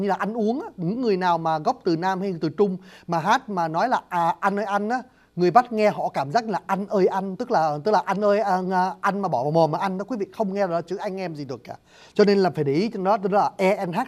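Fast-talking man lecturing on speech sounds. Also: high-pitched. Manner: addresses listeners formally, demonstrates sounds aloud. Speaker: teacher of Vietnamese phonetics. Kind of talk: spoken lecture to an audience.

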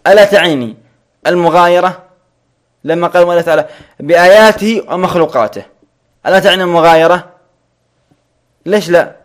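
A man teaching a grammar lesson, repeating each point slowly and checking that students follow. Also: sits high.

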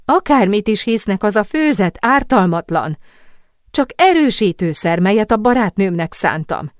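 A woman voicing a frightened young woman who pleads and protests in a high, agitated voice. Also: very animated, dry recording, studio quality, natural voice. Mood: desperate.

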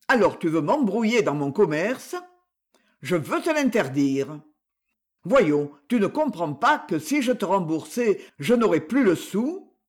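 A man's voice: sits high, very animated, unhurried, slightly rough, heavily acted. A man reading aloud, voicing an evasive younger brother who protests in a raised, blustering tone. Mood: defensive.

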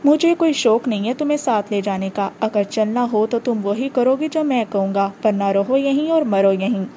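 A woman's voice: fairly high pitch, warm tone, slight background noise, natural voice. A woman reading the part of a blunt, tough male fellow prisoner, curt and commanding. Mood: stern.

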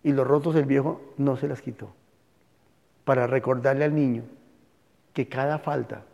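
A man's voice: medium pitch, creaky, dark tone. A male pastor with a Colombian accent, teaching a conversational sermon and questioning his congregation in a church hall. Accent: Colombian Spanish. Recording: muffled, long hall reverb.

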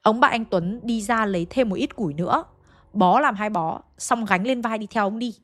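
A woman's voice: a little high, moderate pace, fairly bright tone, no echo. A woman narrating a ghost story in a chatty way, talking straight to her listeners. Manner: chatty, addresses listeners directly.

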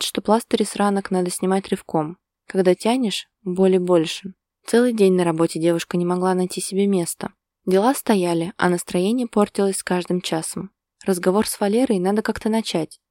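A woman narrating a story in a calm, even storytelling manner. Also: on the low side, fairly quick, no room sound, clean studio sound.

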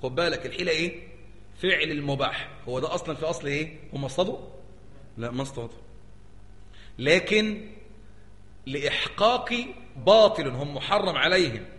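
A man's voice: fairly high pitch, brisk, pauses often. A man with an Egyptian Arabic accent, a sheikh giving a religious lecture and keeping his audience engaged with rhetorical questions. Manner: animated, keeps asking the audience rhetorical questions. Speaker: sheikh teaching jurisprudence. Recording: echoey hall with long reverb.

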